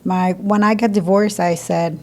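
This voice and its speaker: A Cuban-accented woman speaking English as a second language, her voice sitting a touch low. She talks as a podcast guest, frank and opinionated, in a loose conversational way with easy laughs. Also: fairly even intonation, normal speed, warm tone. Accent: Cuban Spanish. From Cuba. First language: Spanish.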